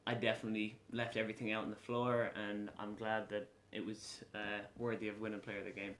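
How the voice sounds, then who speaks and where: West of Ireland man, low echoey voice. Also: little pitch movement, brisk, a bit bright. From Galway, west of Ireland. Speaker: lacrosse player being interviewed. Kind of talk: casual interview answers. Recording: echoey room with faint background noise.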